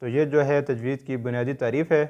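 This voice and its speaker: A man's voice: medium pitch, steady tone, a little fast, warm tone, dull audio. A man with a Pakistani Urdu accent teaching a tajweed lesson, patiently asking questions and answering them himself. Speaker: Quran recitation teacher.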